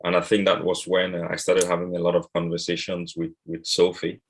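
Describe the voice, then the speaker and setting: A man from Cameroon speaking on an online panel, measured and pausing often with "uh". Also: low voice, monotone, creaky. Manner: measured, with frequent "uh" pauses. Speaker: cocoa and coffee exporter.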